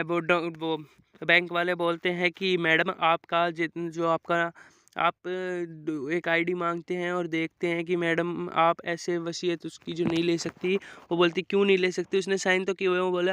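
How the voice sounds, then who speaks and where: A man's voice: sits high, a bit bright, clear, resonant tone, no room sound. A man casually retelling a film's plot, rambling with fillers and placeholder words. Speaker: movie plot narrator. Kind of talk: casual movie recap storytelling. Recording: dull lo-fi mic, dry.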